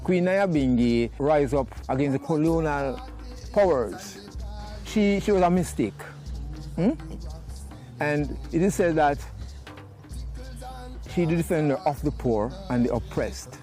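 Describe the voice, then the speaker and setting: A man explaining deliberately in a documentary interview, using Rasta speech. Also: on the high side, animated, mellow, soft background music.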